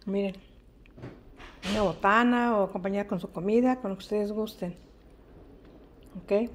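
A woman hosting a casual home cooking demonstration, chatting in a homely, unhurried way in an indoor kitchen. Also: mid-range voice, fairly even intonation. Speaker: host of a home cooking channel. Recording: faint-to-clear background noise, home kitchen.

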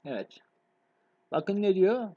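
In this lo-fi recording, a high-pitched man whose voice swings widely in pitch leads a literature exam review. Speaking quickly, he addresses the students directly as friends and checks often that they're keeping up.

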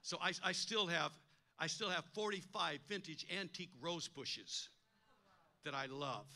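Unhurried yet animated, the older pastor speaks in a slightly high voice with a sharp tone as he preaches in a church. He relates a personal story with emphasis, performing the voices he quotes and repeating words often.

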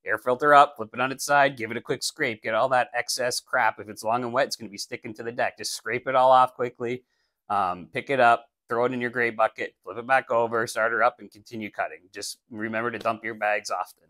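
This forties-aged landscaper keeps things brisk and blunt in a casual how-to aimed at the camera, his hands moving animatedly. The medium-pitched voice comes through a lapel mic with no echo, in a small indoor studio against a plain backdrop.

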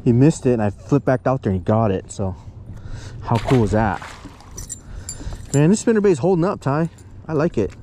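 A man filming himself fishing from a small boat on a lake, chatting excitedly and whooping as the fish bite. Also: mid-range voice, moderate pace, long pauses. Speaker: fishing vlogger. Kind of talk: excited outdoor fishing chat. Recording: outdoor noise, wind and water.

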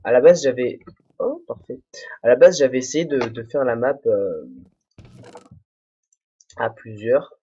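Here a young let's-play host talks to himself while gaming, wandering off on tangents and mocking himself in a relaxed solo commentary. He has a husky, dark-toned voice of medium pitch. The audio comes from a desk mic with no headphones, muffled and dull like a typical home setup.

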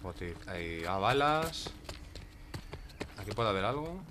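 A man's voice: fairly low pitch, sing-song, measured pace, noisy background. A man with a Spain Spanish accent giving casual gameplay commentary, chatty and talking to himself and his cat. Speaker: gaming YouTuber.

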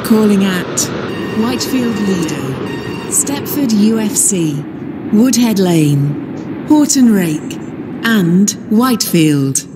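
A woman's recorded announcement listing train stops, with the words spliced together and uneven joins between them. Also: expressive. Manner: measured, evenly paced listing with uneven joins. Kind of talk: recorded calling-point announcements. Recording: train announcement with loud rumble. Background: train running noise.

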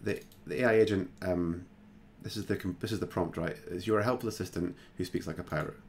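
A man hosting a screen-recorded software tutorial, talking casually and thinking aloud with plenty of fillers. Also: low voice, quick pace, gravelly, a little hiss or hum. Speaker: tutorial host.

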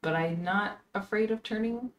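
A woman's voice: mid-range voice, moderate pace, slight background noise. A woman in her twenties hosting a podcast, chatting casually and thinking aloud earnestly, at home on a desk mic. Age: 20s. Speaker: podcast host. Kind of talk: casual chat. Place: home streaming room.

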